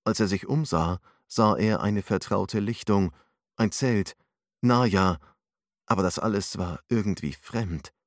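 A man narrating an audiobook in a measured, steady way. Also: on the low side, no echo, studio quality.

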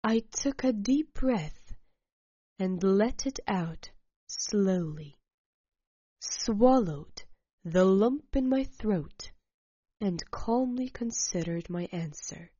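A woman narrating a first-person story in a measured, deliberate way. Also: medium pitch, expressive, mellow, slightly rough, dry recording, highs cut off.

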